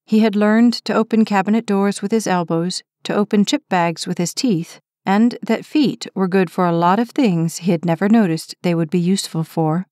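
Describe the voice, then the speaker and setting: A woman narrating a romance audiobook in a steady, measured reading on a close mic. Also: mid-range voice, no echo. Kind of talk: scripted narration.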